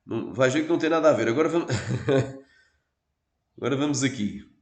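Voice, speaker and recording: A man's voice: medium pitch, animated, moderate pace, roomy sound. A man with a European Portuguese accent, a pastor explaining a point patiently in a teaching sermon and asking his listeners for assent.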